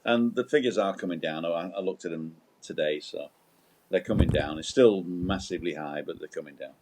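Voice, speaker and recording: A man's voice: low voice, a little fast. A man hosting a live stream in casual, chatty style. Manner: joking, teasing banter. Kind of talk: casual chat. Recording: internal microphone outdoors in wind.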